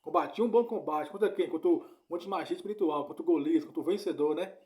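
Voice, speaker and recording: A man giving an informal Bible lesson. His voice is mellow and sits a little high. He circles back over each point and keeps checking that his listeners follow. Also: fast. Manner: repetitive, keeps asking "né?" and "entendeu?". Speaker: preacher.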